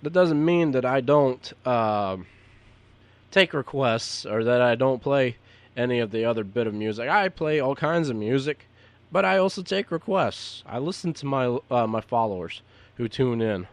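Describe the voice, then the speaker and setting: A man's voice: mid-range voice, expressive, moderate pace, dry recording. A man who is a podcaster and DJ, talking unscripted and giving advice to other podcasters in a rambling, repetitive, earnest way. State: hiccups.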